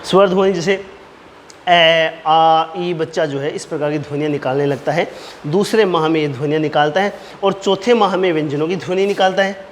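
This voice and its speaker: Male teacher dictating in an echoey room. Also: a little high. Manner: explains point by point, dictating key phrases slowly and repeating them. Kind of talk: exam-prep lecture. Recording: reverberant room with faint noise.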